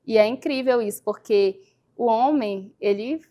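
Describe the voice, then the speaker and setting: A woman's voice: on the high side, measured pace, mellow. Blunt Brazilian woman lawyer telling stories. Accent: Brazilian Portuguese. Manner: firm, blunt storytelling with acted-out quotes. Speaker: lawyer guest. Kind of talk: casual interview talk.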